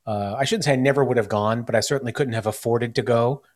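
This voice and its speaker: A man's voice: mid-range voice, fast talker. An American man hosting a podcast in casual chat, rambling with many fillers and restarts. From United States. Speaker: podcast host.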